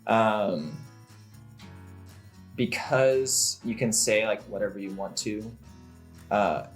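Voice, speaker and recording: A man in his twenties from the United States, chatting casually in an animated way with fillers as a guest. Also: lowish voice, takes it slowly, soft background music. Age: 20s. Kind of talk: casual discussion.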